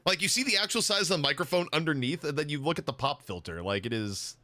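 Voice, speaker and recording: A man co-casting an esports stream in casual chat, joking and telling animated stories. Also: fairly high pitch, fast, no echo.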